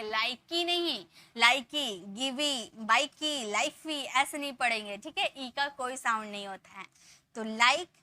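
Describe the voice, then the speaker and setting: A woman teaching an English phonics lesson, setting out each spelling rule slowly and then repeating the example words one by one, checking in with the viewer often. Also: fairly high pitch, pushed and bright.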